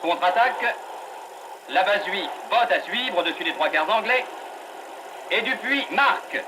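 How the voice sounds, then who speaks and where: A man giving brisk, emphatic old newsreel commentary on an old film soundtrack. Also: high-pitched, lively intonation, noisy background. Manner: brisk, emphatic announcer delivery.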